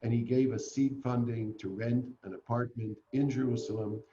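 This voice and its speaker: An older man from Canada, a guest in an online interview, telling a family story in an earnest, animated way. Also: medium pitch, normal speed, reverberant, highs cut off, noisy background.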